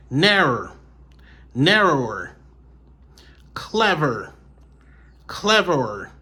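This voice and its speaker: A man teaching English grammar in French. He spells out letters, repeats example words, and switches between English sentences and French explanations. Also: a little high. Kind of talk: recorded language lesson.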